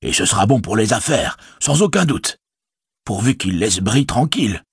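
A man voicing a chatty, fretful stout innkeeper who rambles and exclaims, with a husky voice. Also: on the low side, expressive, moderate pace, no room sound, studio quality, voice pushed up, heavily acted. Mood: rambling.

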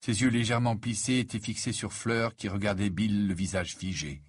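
A man narrating an audiobook with an expressive storytelling delivery. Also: lowish voice, normal speed, breathy edge, no room sound, studio quality. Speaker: audiobook reader.

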